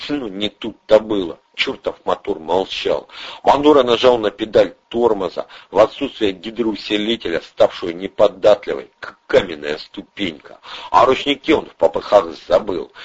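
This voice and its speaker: A man narrating an audiobook with lively, expressive storytelling. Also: on the low side, slightly rough. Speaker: audiobook reader. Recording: dull lo-fi audio.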